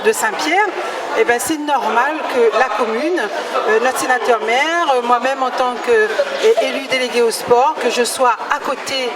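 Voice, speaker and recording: A woman speaking as a municipal sports official, halting with frequent fillers. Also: fairly high pitch. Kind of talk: interview statement. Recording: distant mic amid crowd. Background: crowd.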